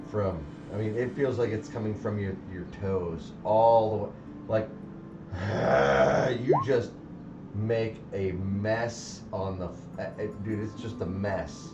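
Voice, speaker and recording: A man narrating a tabletop game as game master, giving vivid, rambling descriptions. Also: fairly low pitch. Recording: roomy, distant mic with music.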